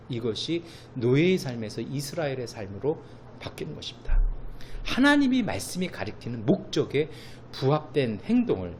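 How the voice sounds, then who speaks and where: Korean pastor preaching, lively pitch. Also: male voice, a little hiss or hum. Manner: acts out quoted voices with sudden loud, high bursts. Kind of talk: sermon.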